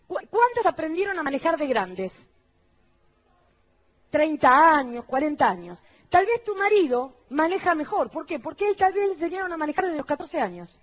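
Woman pastor, Argentine accent, very high-pitched, lively sermon with mocking asides, muffled recording. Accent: Argentine Spanish. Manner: lively preaching, rhetorical questions to the crowd; mocking voices for quoted people, dropping low. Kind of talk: sermon to a congregation.

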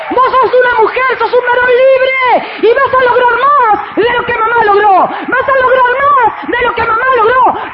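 A woman pastor with a Rioplatense Spanish accent preaches with fervor, her voice sitting high. She bursts into shouted praise, then drops to a quiet, close tone of counsel. The recording sounds a little dull and muffled. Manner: swings between shouted exclamations and quiet, intimate counsel. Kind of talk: fervent sermon preaching.

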